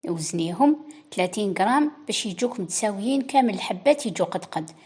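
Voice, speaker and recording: A woman's voice: mid-range voice, expressive, fast talker, darkish tone, husky. A woman with an Algerian Arabic accent, giving a chatty step-by-step baking tutorial and talking straight to her viewers. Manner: instructive, chatty, addressing viewers directly. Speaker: cooking channel host. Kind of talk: cooking tutorial voice-over.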